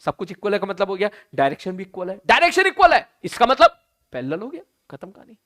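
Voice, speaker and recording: A man teaching an online physics lesson, talking casually to students, often checking whether they follow and slowing right down to stress key sentences. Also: high-pitched, sing-song, a bit bright.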